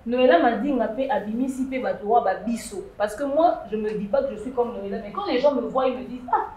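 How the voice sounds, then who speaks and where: Lady chatting on a show panel, lively and laughing, roomy echo. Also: a little high, quick pace. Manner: lively, laughing, rising to emphatic bursts. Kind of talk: casual chat show commentary. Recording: echoey room with faint noise.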